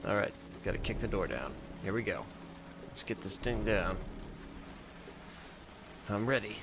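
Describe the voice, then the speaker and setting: A man's voice: on the low side, expressive, a little slow, background noise. A man giving joking, sarcastic commentary while playing through a video game. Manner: sarcastic, mocking.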